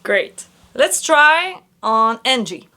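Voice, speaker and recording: Woman vocal coach, unhurried lesson delivery, lively pitch, calm instructive tone. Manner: slow, clear instructions with sung vocal examples. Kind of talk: singing lesson with demonstrations.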